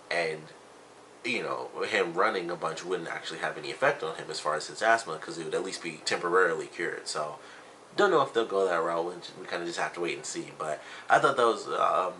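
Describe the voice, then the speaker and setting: A man with a deep voice and a bright, slightly tense edge talks through his thoughts on a TV episode. His delivery is loose and conversational, packed with fillers as he circles back to his points. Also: slight background noise, rough recording. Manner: rambling, full of "you know" and "like". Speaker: TV episode reviewer. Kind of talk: casual spoken review.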